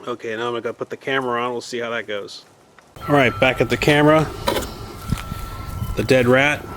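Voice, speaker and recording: A man's voice: mid-range voice, fairly even intonation, fairly quick. Rambling man vlogging in a noisy backyard. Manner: rambling, self-deprecating, thinking aloud. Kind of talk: casual unboxing and testing vlog. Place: backyard outdoors. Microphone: camera mic, then shotgun mic with windscreen. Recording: noisy outdoor camera recording.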